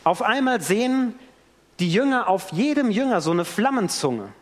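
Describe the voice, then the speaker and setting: In a church, a preacher gives a sermon at normal speed in a rather high voice, telling the story with animation and performing each quote. His pitch climbs and drops a lot, while lengthy reverb lingers in the hall behind him.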